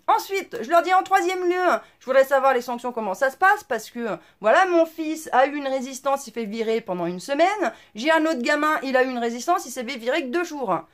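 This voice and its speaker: A woman's voice: sits high, expressive, a little fast. A middle-aged woman telling a story to her viewers in a casual rant, indignant and blunt, with crude slang and lots of fillers. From France. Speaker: vlogger.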